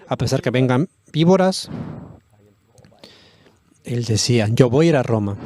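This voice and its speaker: A man's voice: mid-range voice, warm tone. A man preaching a sermon with passion, lifting his voice on key words and sometimes restarting a phrase. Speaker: pastor.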